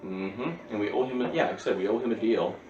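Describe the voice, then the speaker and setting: A man playing a tabletop game, making quick offhand remarks. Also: on the low side, a little mellow, muffled recording, a little hiss or hum. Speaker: player. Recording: echoey room, far from mic.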